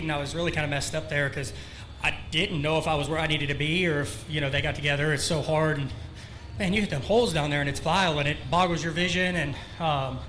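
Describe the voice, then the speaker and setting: A man's voice: fairly high pitch, a bit bright, a little hiss or hum. A man who just won a race, out of breath, rambling loosely in a post-race interview with lots of fillers at an outdoor dirt track. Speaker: winning race driver.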